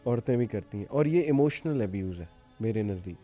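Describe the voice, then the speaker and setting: Host, male, dark mellow tone, murmurs agreement, faint music under. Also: on the low side, animated. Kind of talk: panel discussion.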